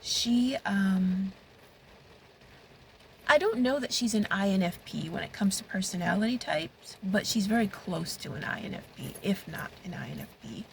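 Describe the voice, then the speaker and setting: A woman's voice: mid-range voice, lively intonation, normal speed, vocal fry, low-quality recording. A woman author talking casually in a vlog from inside a parked car, rambling and thinking aloud with many fillers and restarts. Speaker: romance author. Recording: faint rain noise on the car. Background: rain falling on the car.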